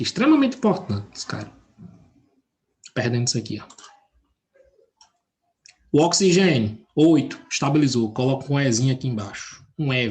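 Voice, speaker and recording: A man's voice: medium pitch, a little mellow. A man teaching a chemistry class, using everyday analogies and regularly asking named students questions. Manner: checks in with students by name and asks frequent questions. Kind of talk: live class explanation.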